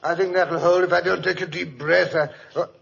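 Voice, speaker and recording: High, blustering Doctor Watson. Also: male voice, steady tone, a little fast, gravelly, a bit bright, exaggerated voice. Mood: puzzled, bumbling. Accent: British. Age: middle-aged. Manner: stammering, hesitant, blustery. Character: blustering, good-natured British gentleman doctor. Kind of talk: 1940s radio acting. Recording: muffled vintage radio recording.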